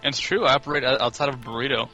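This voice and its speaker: A man with a very bright, sharp voice tells absurd jokes in a deadpan way. His pitch sits in a middle range, with faint music behind. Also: rapid-fire, muffled recording. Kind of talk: casual gameplay commentary.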